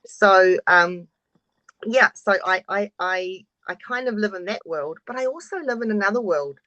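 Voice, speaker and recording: A woman's voice: mid-range voice, expressive, normal speed, a bit bright, dry recording, muffled recording. A woman in her forties giving a frank, open introduction of herself on a video call, swearing now and then. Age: 40s. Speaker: course participant.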